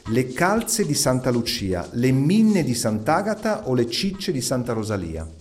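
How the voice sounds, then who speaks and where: A man's voice: medium pitch, sing-song, measured pace, darkish tone, slight background noise. A man hosting a radio quiz in speech, chatty, teasing and encouraging with his guests. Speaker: radio quiz show host. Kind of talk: playful live quiz interview.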